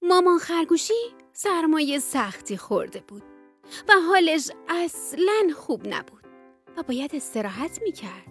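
A woman tells a bedtime story for children in a gentle, sing-song manner. Her voice is fairly high and swoops up and down with lively, animated pitch, and soft children's music plays quietly behind her.

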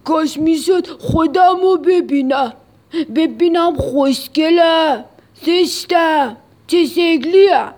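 A woman voicing a big, gentle, curious tree in a children's radio story, in a childlike and wondering manner. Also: very high-pitched, pitched above the performer's own voice.

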